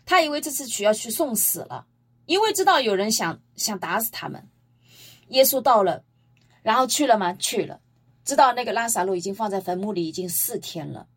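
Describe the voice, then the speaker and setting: Husky-voiced woman preacher, lively. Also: on the high side, a little fast. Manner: retells scripture with rhetorical questions; emphatic, lively storytelling. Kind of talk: Bible teaching sermon.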